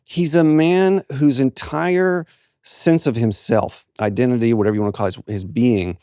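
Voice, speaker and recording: A man's voice: medium pitch, normal speed, dark tone, dry recording, studio quality. A man hosting a podcast conversation, explaining his thoughts in an easy, reflective way. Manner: thoughtful, explaining, laughs often. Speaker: podcast host. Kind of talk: casual conversation.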